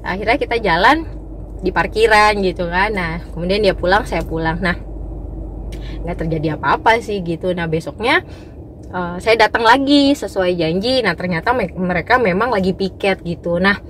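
A young adult woman giving a personal church testimony. She tells it as a lively story, with many fillers and restarts, and turns to the audience directly. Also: mid-range voice, normal speed, a little hiss or hum. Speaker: testimony speaker.

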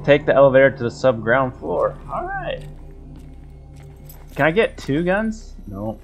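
A man's voice: fairly high pitch, big pitch swings, measured pace, gravelly, muffled recording. A man in his thirties giving casual, reactive commentary as a game streamer on a headset. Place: small indoor room. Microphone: headset at a desk. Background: faint game music.

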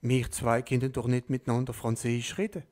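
A man voicing a timid middle-aged Alsatian woman with an Alsatian accent, speaking in a high, strained, pleading way. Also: steady tone, fairly quick, darkish tone, lightly acted. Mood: relieved.

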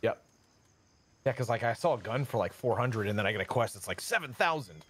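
Guy streaming a shooter, talks fast, voice jumps all over. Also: medium pitch, breathy edge. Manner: animated, mouths gun noises. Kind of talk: casual gaming chat.

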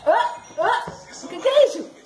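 A woman's voice: very high voice, expressive, normal speed, echoey room, music in the background. A woman from Pernambuco with the local accent, a mother chatting playfully with her babies and her vlog viewers in coaxing baby talk. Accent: Pernambuco Brazilian Portuguese. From Pernambuco, Brazil. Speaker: mother and family vlogger. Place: family home indoors.

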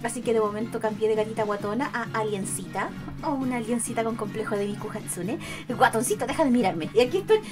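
Young Chilean woman streamer, high voice, giggly and chatty, soft music under her. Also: quick pace. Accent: Chilean Spanish. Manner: giggly, greets chat by name, swears casually. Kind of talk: casual live-stream chat.

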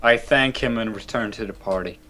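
A man's voice: lowish voice, brisk, pushed and bright. A man playing in a tabletop game, tersely stating what his character does. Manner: terse, states his character's actions plainly. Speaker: player. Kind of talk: casual tabletop game chat.

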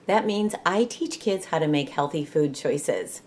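A middle-aged woman from Michigan, with an American Midwestern accent, reads a children's story aloud as a volunteer storybook reader. Her low, darkish voice is animated and unhurried, and she's indoors in a small room at home.

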